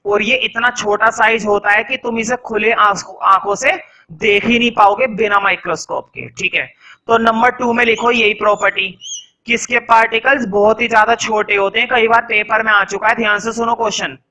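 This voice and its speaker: A young adult man teaching a science class, quizzing students and slowly dictating notes word by word. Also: sits high, steady tone, sharp tone, low-quality recording. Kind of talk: classroom lecture in Hindi with English dictation.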